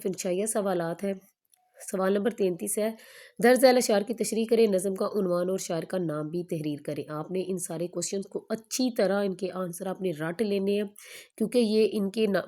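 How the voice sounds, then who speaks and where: A woman teacher going through an exam paper question by question, stating each answer in a steady, explanatory way. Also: medium pitch.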